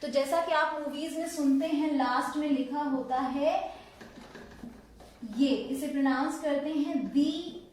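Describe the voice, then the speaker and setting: Brief: woman grammar teacher, high voice, patient step-by-step explaining, strong room echo. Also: fairly even intonation, a little slow, a little mellow, a little hiss or hum. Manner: explains step by step, quizzing viewers with questions. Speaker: English teacher. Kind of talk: online grammar lesson. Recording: echoey room.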